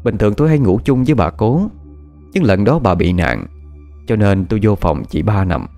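Expressive Southern Vietnamese male storyteller. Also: lowish voice, moderate pace, creaky, faint music behind. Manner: expressive, dramatic. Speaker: narrator. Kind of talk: storytelling, horror tale.

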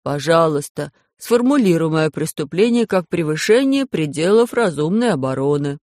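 A woman's voice: sits low, expressive, normal speed, darkish tone, no echo, clean studio sound. A woman voicing a fussy, apologetic little spaceship. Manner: apologetic, wordy, formal.

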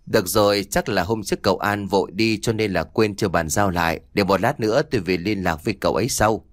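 A man's voice: on the low side, quick pace, no echo, clean studio sound, lightly acted. A man reading the lines of a cheerful, doting middle-aged father in an audiobook, talking in a chatty, fatherly way.

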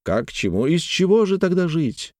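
A male audiobook reader voices a playful, talkative young nobleman in love, teasing and ardent, in a lifted, lilting, animated delivery with fairly high, pushed-up pitch at a moderate pace. He plays with words, lightly mocking and pleading. The recording is dry and close, with no room sound.

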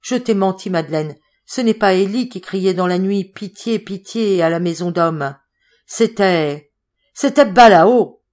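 A woman's voice: medium pitch, animated, a little slow, darkish tone, close to an everyday voice. A woman voicing a delirious, wounded young woman who pleads frantically, in an audiobook reading. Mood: frantic.

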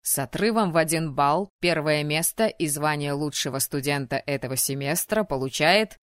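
A woman's voice: low voice, dry recording, clean studio sound, pitched below the performer's own voice, natural voice. Woman voicing a stern male dean. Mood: ceremonious. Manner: formal, measured announcements. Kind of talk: audiobook character voice.

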